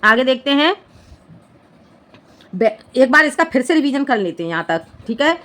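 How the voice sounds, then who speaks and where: A woman's voice: high voice, sing-song, normal speed, fairly bright tone. A woman Hindi teacher who explains a poem line by line and often checks whether her students have understood. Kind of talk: classroom-style poem explanation.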